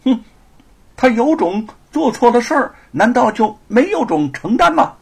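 A man's voice: medium pitch, huge pitch swings, normal speed, slightly rough, pitched below the performer's own voice, exaggerated voice. Man doing a sneering yamen runner. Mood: mocking. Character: mocking male yamen runner, sneering petty official.

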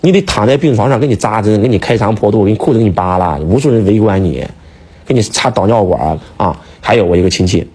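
Husky, fast-talking man lecturing emphatically. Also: on the low side, lively intonation, a little mellow. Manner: emphatic, lecturing, rhetorical questions. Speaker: speaker, teacher. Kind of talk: casual preaching chat.

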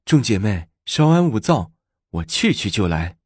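A man's voice: fairly low pitch, sing-song, unhurried, breathy edge, dry recording, clean studio sound, exaggerated voice. A man voicing a bold, clever young woman of the palace, confident and teasing, in a storybook reading.

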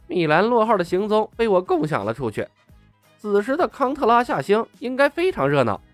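A man voicing a gruff, sarcastic male talking raccoon mercenary in an audiobook story. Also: high-pitched, very animated, brisk, no echo, faint music behind, voice pushed up. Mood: questioning. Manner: grumbling, sarcastic.

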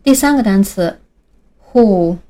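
A woman reads a scripted pronunciation lesson in a mellow, warm voice at a middling pitch. She speaks clearly and deliberately and spells words out slowly, letter by letter. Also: animated. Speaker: English pronunciation teacher.

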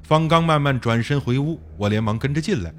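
A man narrating a first-person audiobook story in a lively, expressive way. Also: medium pitch, brisk, slight background noise.

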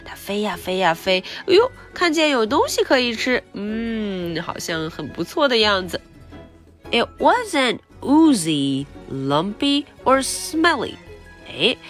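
Storyteller, young woman, unhurried, playful, swooping up and down, reads then explains for children. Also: mid-range voice, fairly bright tone. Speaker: picture-book reader for children. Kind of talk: bilingual storybook read-aloud.

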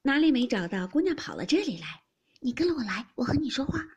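Woman reader playing a fawning sister-in-law in a storybook reading: raised, ingratiating, husky. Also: sits high, very animated, fast, muffled recording, pitched above the performer's own voice, full character voice.

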